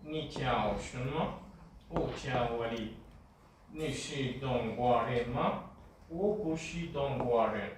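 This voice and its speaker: Distant, echoey man haltingly practicing Mandarin. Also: mid-range voice. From Australia. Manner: halting, careful learner's pronunciation. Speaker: beginner Chinese student. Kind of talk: reciting a practice dialogue in class. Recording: distant, very echoey, noisy classroom pickup.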